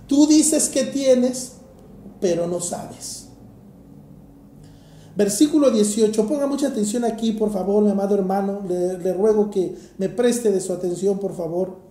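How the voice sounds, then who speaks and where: Slow, dark-voiced woman preaching. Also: medium pitch. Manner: emphatic, deliberate, rhetorical repetition. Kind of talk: sermon. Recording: echoey room.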